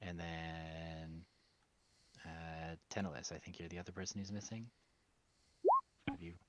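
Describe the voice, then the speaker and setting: A man running a tabletop game as game master, narrating casually and haltingly on a slightly muffled mic. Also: low-pitched, flat delivery, heavy background noise.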